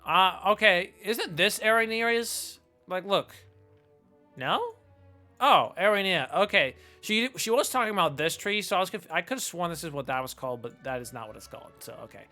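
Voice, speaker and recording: A man's voice: sits high, animated, brisk, bright, forceful tone, soft background music. A man streaming a game, chatting casually in a rambling, self-mocking way. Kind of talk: casual gameplay commentary.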